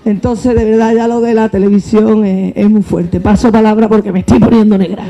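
A woman's voice: mid-range voice, a little fast, lo-fi sound. A woman with an Andalusian accent, an actress and comedian on a panel, telling anecdotes with laughter and acting out dialogue. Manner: laughing, expressive, acts out dialogue. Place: book fair hall.

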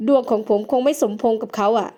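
A woman's voice: fairly high pitch, quick pace, dark tone, close to an everyday voice. A woman doing a regretful young man. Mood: wistful.

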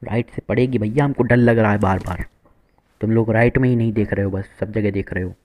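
A man's voice: fairly low pitch, steady tone, a little fast, a little mellow. A man giving playful, boastful live commentary to viewers while playing a shooter game, with gunfire behind him. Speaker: gaming streamer.

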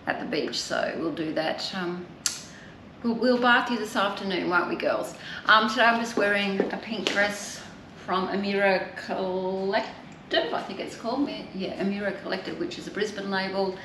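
A woman's voice: mid-range voice, a bit bright, echoey room, slight background noise, rough recording. A woman, chatting casually to camera as a vlogger and talking sweetly to her dogs. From Australia. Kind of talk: casual vlog chat. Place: modern home kitchen.

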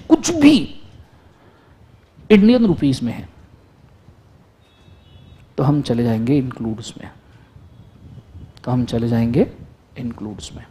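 A man lecturing a classroom on law in energetic Hindi with terms, often calling on students to answer aloud. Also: fairly high pitch, breathy edge.

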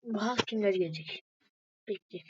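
A woman's voice: medium pitch, moderate pace, slightly rough, no room sound. A woman giving casual gameplay commentary, chatting to viewers and calling them friends again and again. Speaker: gaming video maker. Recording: dull lo-fi dry recording.

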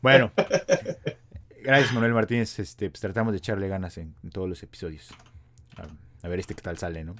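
Mexican male podcast co-host, 30s, low-pitched, easygoing banter. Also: brisk, long pauses. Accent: Mexican Spanish. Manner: relaxed, joking, reads listener comments aloud. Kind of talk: casual chat.

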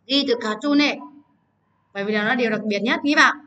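A woman's voice: on the high side, quick pace, bright, forceful tone, muffled recording. A woman teaching English word stress to children, repeating words and urging her pupils to hurry and write. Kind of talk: online class teaching. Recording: voice from a distance.

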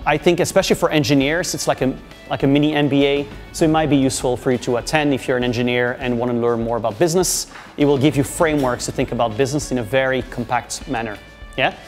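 A man introducing a community workshop, speaking loosely with many fillers in a small meeting room. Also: medium pitch. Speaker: meetup organizer and host. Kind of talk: casual event introduction.

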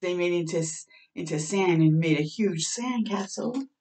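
A middle-aged woman with a lowish, dark voice reads to children at a moderate pace, performing a picture book expressively with asides and elongated words. It takes place indoors in a small home bathroom, captured by a slightly distant mic in the room.

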